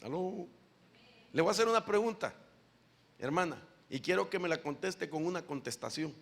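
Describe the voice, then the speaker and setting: Preacher, male, high and gravelly, bright edge, lively and animated sermon delivery. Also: moderate pace. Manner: animated preaching, often calling listeners "brother"; asks the audience questions directly. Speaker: apostle preaching to a congregation.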